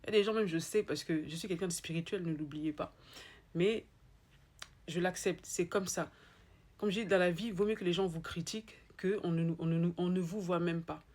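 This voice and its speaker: A woman's voice: fairly low pitch, fairly even intonation, normal speed, darkish tone. A woman with an Ivorian French accent giving a motivational monologue, emphatic and repeating her points straight to the listener. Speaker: motivational speaker.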